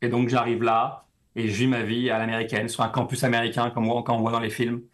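Speaking quickly in a mid-range voice, this young man from France is being interviewed casually as a guest. His talk is loose and meandering, full of filler words.

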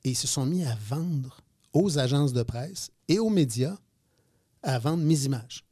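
With a slightly high, warm, expressive voice, a man in his fifties speaks unhurriedly as a guest entrepreneur on a radio show. He tells stories casually in a Quebec French accent, pausing hesitantly and repeating words.

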